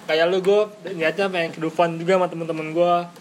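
A young man talks at an easy pace, his voice slightly high, agreeing readily and letting his sentences trail off. Faint ambience hangs behind him. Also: flat delivery, brisk, slight background noise. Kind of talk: casual chat.

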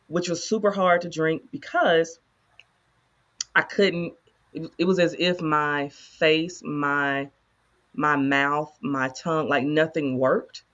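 A woman co-host in casual conversation, candidly telling a personal story with animated asides. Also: low-pitched, lo-fi sound. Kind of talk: casual chat.

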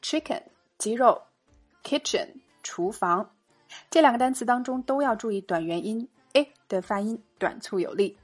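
A woman hosting a bilingual spoken English lesson, reading dialogues and slowly drilling pronunciation with a slightly husky voice. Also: a little high, soft background music. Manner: slow careful drilling of English sounds. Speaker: English teacher and podcast host.

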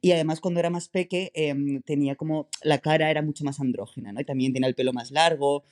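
Hombre madrileño charlatán de voz algo aguda. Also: male voice, fairly high pitch, steady tone, darkish tone. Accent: Madrid Spanish. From Madrid, Spain. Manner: chatty, many fillers, drawn-out storytelling. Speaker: podcast guest. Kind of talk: casual interview chat.

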